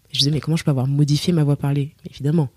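A young woman from Cameroon, a singer, chatting as a podcast guest and telling her story with lively acted-out quotes and many fillers. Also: deep voice, very fast, slightly rough, no echo. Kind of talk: casual interview chat.

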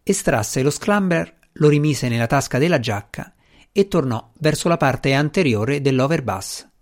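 A man reading a novel aloud as narrator in a steady, literary way. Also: medium pitch, unhurried. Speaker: audiobook narrator. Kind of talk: scripted narration.

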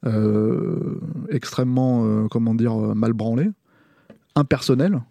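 A man who is a film critic on a podcast, talking through a review in a casual, halting way with frequent restarts and hesitations. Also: mid-range voice, creaky, warm tone, dry recording.

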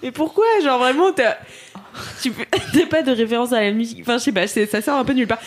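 A woman's voice: a little high, fast, slight background noise. A woman hosting a podcast in a casual, playful and teasing chat style. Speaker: podcast host.

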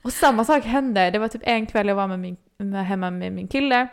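Young woman, podcast co-host, slight vocal fry, animated storyteller. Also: medium pitch. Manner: animated storytelling, acts out her own reactions. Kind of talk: casual chat.

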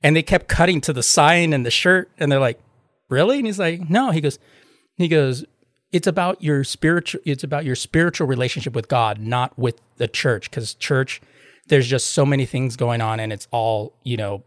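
Guy on a podcast rambling thru a story, does the he-said she-said, medium pitch, dry sound. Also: normal speed, dry recording. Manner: rambling, acts out both sides of retold exchanges in reported dialogue. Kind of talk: casual chat, retelling anecdotes.

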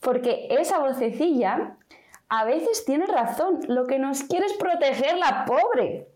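A woman's voice: high voice, expressive, slow, dark tone. A woman guest, a vocational mentor, talking in a conversational interview and acting out inner voices as dialogue.

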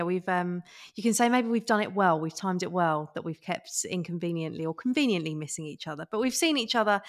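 Playful woman with a lowish voice. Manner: playful, bantering, laughs easily. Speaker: football presenter guest. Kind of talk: casual chat.

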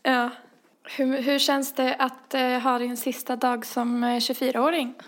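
A woman's voice: sits high, level tone. A woman co-hosting a podcast in casual chat, teasing and giggling as she jokes around. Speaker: podcast co-host.

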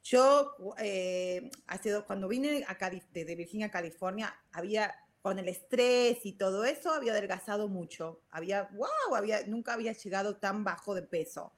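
A woman's voice: mid-range voice, moderate pace, hardly any pauses. A woman in her forties hosting a casual podcast chat, talking reflectively and dropping English fillers into her Spanish. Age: 40s. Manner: chatty and reflective, many restarts. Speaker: podcast host.

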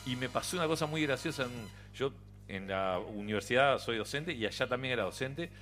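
Bright-voiced Uruguayan man telling stories. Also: mid-range voice, a little fast, soft background music. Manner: animated storyteller, laughs often. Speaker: radio interview guest. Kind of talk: casual radio chat.

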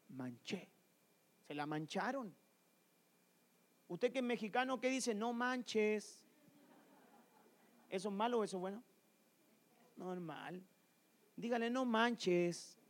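High-voiced preacher man, animated sermon. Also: a little slow, long pauses. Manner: animated storytelling with rhetorical questions to the congregation. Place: church.

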